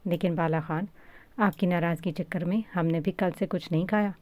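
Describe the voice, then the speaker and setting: A woman voicing a gentle middle-aged father who coaxes and pleads softly. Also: fairly low pitch, fairly even intonation, no room sound, lightly acted. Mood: coaxing. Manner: soft, pleading, playful.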